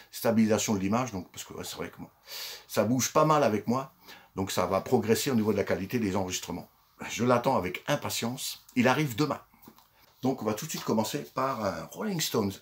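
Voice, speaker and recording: An older man with a somewhat low voice talks casually about his collector finds. He recorded it on his phone, and he keeps circling back with fillers and small restarts. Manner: chatty, with frequent fillers and restarts. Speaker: secondhand collector vlogger. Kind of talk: casual chat.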